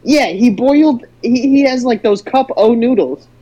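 A young man hosting a comedy podcast, reading fake news in a deadpan way. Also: very high voice, moderate pace, lo-fi sound. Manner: deadpan mock-newsreader delivery. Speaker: podcast host.

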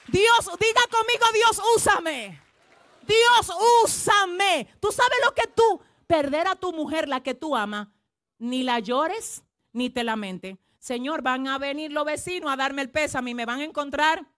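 A woman pastor preaches with a high, bright voice, leading the congregation in call-and-response. She drops to near-whispered asides, then rises to loud proclamations. The sound is dry and close, with little room echo. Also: animated, normal speed. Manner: swings from hushed asides to loud shouted proclamations. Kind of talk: sermon.

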